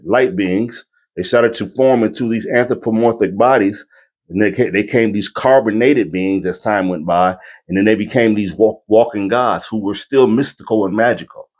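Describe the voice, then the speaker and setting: A man's voice: lowish voice, a little mellow. A man hosting a reaction video, giving casual spiritual commentary and explaining things familiarly to his viewers.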